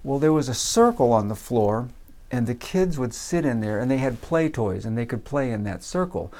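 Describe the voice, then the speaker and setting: A man's voice: medium pitch, moderate pace. Man casually telling a daycare story. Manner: relaxed, many uh fillers, acts out voices in quotes.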